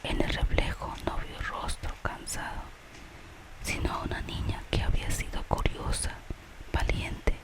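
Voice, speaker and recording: An ASMR storyteller whispers a gentle tale all the way through, never using full voice. The pace is very slow and unhurried as the narration drifts softly from story to moral, captured in a rough recording.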